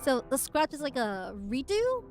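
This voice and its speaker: A woman's voice: high voice, big pitch swings, moderate pace, a little mellow, soft background music. A woman livestreamer with a cute, bubbly, exclamatory anime-streamer delivery, chatting casually and reading aloud to viewers. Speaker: livestreamer hosting a weekly read-along.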